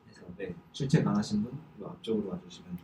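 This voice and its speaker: A man's voice: fairly low pitch, fast. A man hosting an event, making informal announcements to attendees. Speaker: event host. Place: indoor event venue. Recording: echoey noisy room, distant microphone.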